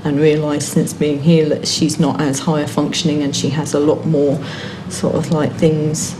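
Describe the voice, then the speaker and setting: A woman in her thirties with a low voice talks candidly in a small room. She is reflective and a little hesitant, and there is clear location noise around her. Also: little pitch movement, unhurried. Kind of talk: candid documentary interview. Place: small indoor room with plain walls.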